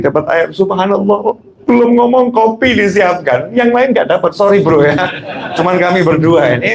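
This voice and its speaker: A man's voice: a little high, a little mellow, poor audio. A man giving a casual storytelling sermon, chatty and joking, with frequent questions to his listeners. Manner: chatty, joking, often laughing, asking the audience questions. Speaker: preacher.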